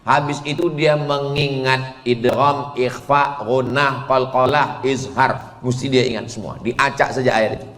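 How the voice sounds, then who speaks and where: Animated male preacher in an echoey hall. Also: mid-range voice, unhurried. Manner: animated, joking with the audience, chants verses. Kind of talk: lively sermon. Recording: echoey hall, faint background noise.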